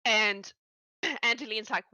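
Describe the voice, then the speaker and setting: A woman's voice: fairly high pitch, slow, bright, forceful tone, dry recording, poor audio. A woman narrating a tabletop game as game master, chatty and playful. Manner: chatty and playful, with many fillers.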